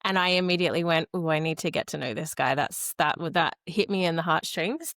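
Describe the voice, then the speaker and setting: A woman's voice: low-pitched, a little fast, a bit bright, no echo, clean studio sound. A woman hosting a podcast, talking in an upbeat, chatty way. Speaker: podcast host. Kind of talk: casual chat.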